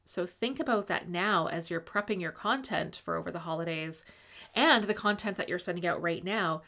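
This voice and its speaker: A woman's voice: on the low side, moderate pace, gravelly, bright, forceful tone. A woman coach giving upbeat, tidy advice to viewers in a direct, encouraging and emphatic way, vlog style. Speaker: business coach and host. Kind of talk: advice vlog, semi-scripted talk to viewers.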